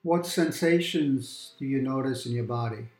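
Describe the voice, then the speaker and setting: A man guiding a calm grounding meditation exercise, giving gentle, unhurried instructions with long pauses between phrases. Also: mid-range voice, echoey room. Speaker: meditation guide. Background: quiet background music.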